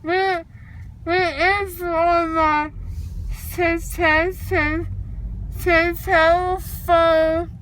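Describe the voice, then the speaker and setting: A woman's voice: very high-pitched, little pitch movement, very slow, long pauses, fairly bright tone, slight background noise. A young woman, groggy after dental surgery with a sore, numb jaw, rambles and whines in slurred, disoriented speech. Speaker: passenger filmed after wisdom teeth removal. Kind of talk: casual chat. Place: inside a car. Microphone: handheld phone.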